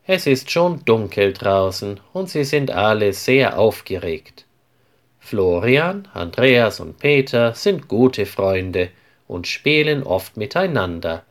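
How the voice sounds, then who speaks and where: A man narrating a children's story slowly and clearly, in an articulated reading style. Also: lowish voice, very animated. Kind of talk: storybook narration for language learners.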